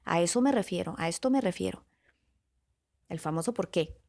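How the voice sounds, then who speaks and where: A woman motivational speaker giving a calm, reflective podcast talk, listing words one by one with pauses and often checking in with her listeners. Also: lowish voice, creaky. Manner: often checks in with the listener with a soft question tag. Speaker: motivational speaker on self-awareness.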